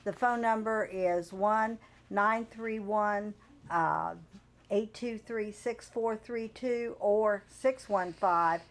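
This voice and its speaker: A woman's voice: medium pitch, slow. Woman guest explaining a program steadily. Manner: plain, steady explaining, lists things. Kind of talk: TV talk show guest.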